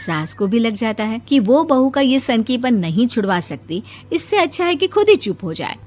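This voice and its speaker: A woman's voice: a little high, very animated, moderate pace, darkish tone. A woman narrating a scripted story as its narrator.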